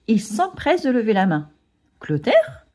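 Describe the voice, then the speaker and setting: Storybook narrator: a woman with a warm, mellow tone and very lively, animated intonation. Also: mid-range voice, normal speed, breathy edge. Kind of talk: storybook reading.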